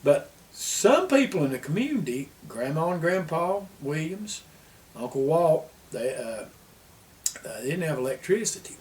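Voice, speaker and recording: A man's voice: a little high, sing-song, unhurried, darkish tone. An older man with an Appalachian accent tells family history in a folksy, rambling porch-sitter way, dropping his word endings. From Appalachian Tennessee, US. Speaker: interviewee sharing family history. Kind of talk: unhurried oral-history storytelling, like a porch sitter reminiscing. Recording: distant mic with background noise.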